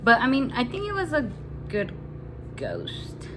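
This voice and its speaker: A woman's voice: sits high, measured pace. Jittery young woman, noisy home video. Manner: rambling, nervous, heavy use of "like" as filler. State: spooked. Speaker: vlogger. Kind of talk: casual storytelling to camera. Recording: home video with steady outside noise. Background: building-washing noise outside.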